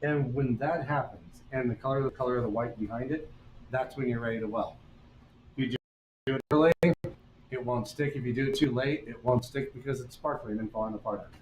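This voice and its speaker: A man's voice: mid-range voice, steady tone, fairly quick, a little mellow, roomy sound, a little hiss or hum, low-quality recording. Folksy man explaining forge welding. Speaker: blacksmith teaching on a stream. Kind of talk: casual live demonstration. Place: forge workshop.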